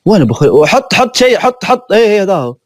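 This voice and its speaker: Male streamer, playful rapid banter, dry close recording. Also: sits high, sing-song, dry recording. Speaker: live streamer. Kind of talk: casual live-stream chat with viewers.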